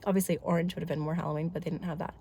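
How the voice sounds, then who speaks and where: A woman's voice: fairly low pitch, level tone, racing, mellow, husky. A woman in her thirties chatting casually in a family vlog, congested from a head cold, talkative and rambling with lots of asides. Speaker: family vlogger.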